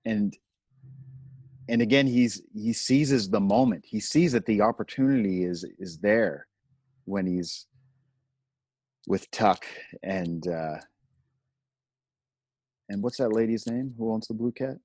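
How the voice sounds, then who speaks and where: Deep-voiced man, halting and dryly recorded. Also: a little mellow, no room sound. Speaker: podcast co-host. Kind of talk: casual discussion.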